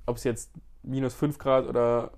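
Man, mid-twenties, podcast co-host, casual, hesitant, repeats words, middle pitch. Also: flat delivery, measured pace, creaky, darkish tone. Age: 20s. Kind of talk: casual chat.

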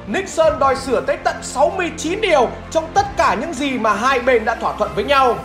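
A woman with a very high voice narrates history from a script. She tells it emphatically and in colloquial words, like a show host. The sound is clearly echoey, with music underneath. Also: fairly bright tone. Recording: roomy echo with music.

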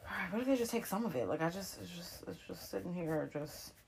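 Woman co-host, casual banter, brash and emphatic, quick to laugh and curse. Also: lowish voice, creaky, a little hiss or hum. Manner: laughing, swearing freely, animated storytelling; jokey, emphatic, drops "period" for emphasis. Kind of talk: casual chat.

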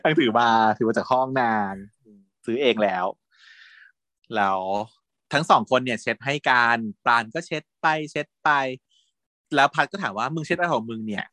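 Bright-voiced man animatedly recapping a drama. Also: mid-range voice, moderate pace, no room sound, studio quality. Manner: animated, laughs often, crude slang. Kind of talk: casual recap storytelling.

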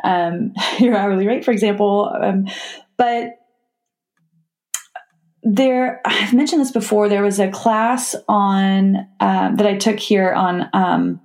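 A woman's voice: mid-range voice, expressive, takes it slowly, a little mellow. A woman who works as a designer co-hosting a business podcast, talking in a chatty way with frequent laughs and lots of "um" and "you know". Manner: chatty, laughs often, many fillers. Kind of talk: casual business podcast chat.

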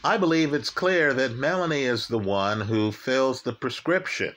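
This man's voice is mid-range and slightly bright as he offers true crime case commentary. Speaking slowly and with emphasis, he goes over a criminal case, repeats the important facts, and keeps asking his audience "right?" to make sure they're following.

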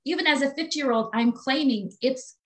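This woman, in her late forties, has a high voice and speaks at a normal speed. As a guest in a faith-focused conversation, she talks sincerely from the heart and repeats her phrases often.

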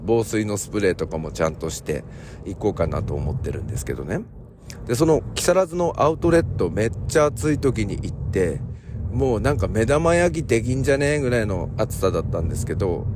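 Chatty, lively man hosting a podcast. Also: lowish voice, noisy background. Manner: chatty, digressive and joking, with many fillers. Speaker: podcast host. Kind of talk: casual solo morning podcast talk.

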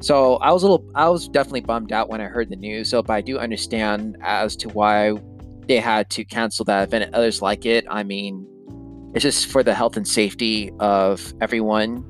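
A man's voice: on the low side, fairly quick, soft background music. A man hosting his own podcast, talking to his listeners in an easygoing, conversational way. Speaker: podcast host. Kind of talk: casual solo podcast talk.

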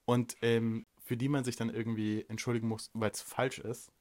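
Male podcast co-host, mid-pitched voice, blunt and direct, casual chat. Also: level tone, moderate pace, a little mellow. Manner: frank, direct, rambling with fillers.

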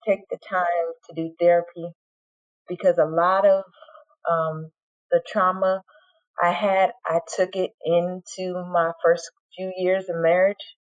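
Earnest woman sharing her story, lowish voice, kinda muffled audio. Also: flat delivery, unhurried. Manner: earnest, repeats phrases, acts out dialogue. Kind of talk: emotional personal testimony.

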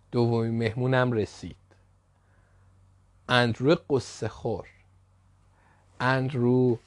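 A man reading a children's story aloud in a lively, expressive way. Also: medium pitch, dry recording.

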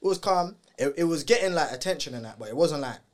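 A young adult man, a dancer appearing as a guest, tells stories in a casual chat using a London roadman accent and heavy street slang, peppered with "innit", "bro" and "fam". His voice is fairly high, lively in intonation and fast.

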